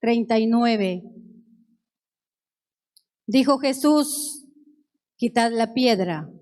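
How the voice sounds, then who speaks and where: Slow, high-voiced woman preaching. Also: a little mellow. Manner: reads verses aloud, then explains them earnestly. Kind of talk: sermon with Bible reading. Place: church.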